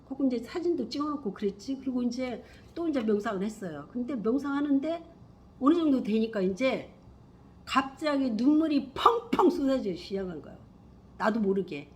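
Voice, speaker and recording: A middle-aged woman telling a personal spiritual story in a rambling, emphatic way, swinging from hushed to loud. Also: fairly high pitch, lively intonation, normal speed. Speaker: spiritual vlogger.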